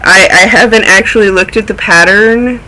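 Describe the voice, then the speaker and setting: On a casual knitting video podcast, a man with a snuffly cold chats through his projects, rambling and veering into tangents. His voice is high and bright with a forceful tone, moving at a normal speed. The recording quality is poor.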